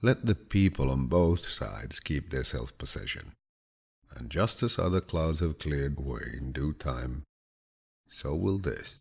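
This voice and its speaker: Reading quotations for an audiobook, a man speaks in an extremely low, deep, gravelly and husky voice. His delivery is calm, measured and grandfatherly yet soothing, with expressive swings in pitch.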